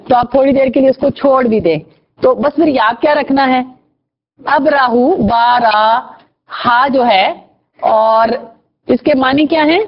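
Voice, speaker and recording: A woman with a slightly high voice teaching a Quran vocabulary lesson. She goes patiently through each word, spelling out its root letters and repeating key terms. The recording sounds dull and lo-fi. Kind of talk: classroom lesson explaining Arabic words.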